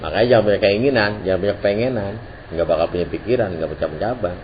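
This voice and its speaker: A man's voice: on the low side, fast. A man giving an informal Islamic religious lesson, joking in casual slang. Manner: casual Jakarta-slang preaching, lively and joking. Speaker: Islamic teacher. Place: religious gathering hall. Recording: dull lo-fi recording with faint hiss.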